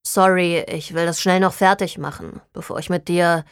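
A woman's voice: fairly low pitch, fairly even intonation, moderate pace, clean tone, no room sound, clean studio sound, close to an everyday voice. A woman voicing a young man, an office colleague absorbed in his work, who gives terse, distracted replies in a storybook reading. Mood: offhand.

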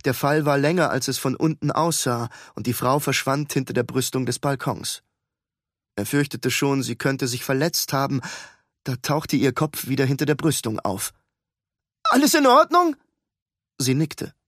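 A man narrates a story in a calm, measured voice of middle pitch. The storytelling is steady and scripted, and the sound is dry and close to the mic. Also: no room sound. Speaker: audiobook narrator.

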